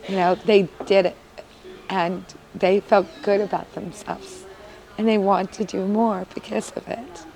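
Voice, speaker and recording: A woman's voice: medium pitch, measured pace, mellow, low-quality recording. A woman, a mother, giving an earnest, emotional testimonial in an interview. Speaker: parent interviewee.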